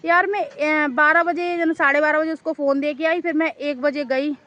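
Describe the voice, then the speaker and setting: A woman's voice: high voice, steady tone, normal speed, a bit bright, dull audio. A woman vlogger casually telling a story to camera outdoors in a park, chatty and rambling, often repeating herself.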